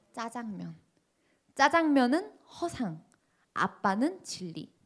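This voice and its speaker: A woman preaching a sermon, telling her own testimony dramatically and asking the congregation questions. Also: high-pitched. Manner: dramatic storytelling, voices the people in her story.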